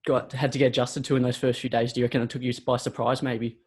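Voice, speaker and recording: A man co-hosting a podcast, firing off quick follow-up questions in casual chat. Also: mid-range voice, level tone, darkish tone, husky. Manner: quick follow-up questions ending in "do you reckon". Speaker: podcast co-host.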